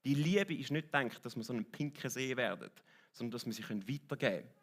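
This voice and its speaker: A man's voice: medium pitch, expressive, fast talker. A man with a Swiss German accent preaching a sermon as a pastor, in a conversational, lightly joking way that keeps checking in with his listeners. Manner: conversational, lightly joking, asks the audience "oder?". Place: church hall.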